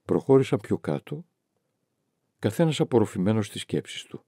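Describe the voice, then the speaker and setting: A male audiobook narrator who reads with expressive, storytelling delivery. His voice is dark and husky, moving lively through its pitch range. The recording is close and dry. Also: no room sound. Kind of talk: scripted narration.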